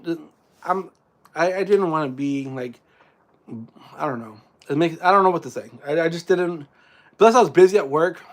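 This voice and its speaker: Male streamer, fairly high voice, loose rambling chat with viewers, lots of restarts. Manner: rambling, many restarts and fillers. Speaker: theme park vlogger and live streamer. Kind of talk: casual live stream chat.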